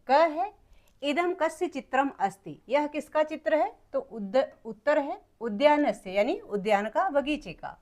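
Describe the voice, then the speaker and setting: A woman teacher patiently working through textbook exercises for children, reading the word forms slowly and repeating each answer. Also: sits high, darkish tone. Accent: Hindi.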